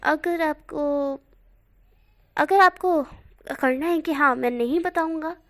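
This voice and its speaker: A woman's voice: high-pitched, slow. A woman voicing a stubborn fifteen-year-old boy in a read-aloud fan story, sounding innocent and insistent.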